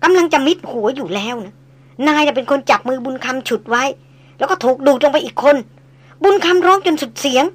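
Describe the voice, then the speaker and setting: A coarse-talking old jungle hunter, blunt and jovial, played by a woman reading aloud. His voice sits a little higher than plain talk. He rambles in folksy country speech in a storybook audiobook. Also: animated, fairly quick. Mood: worried confiding.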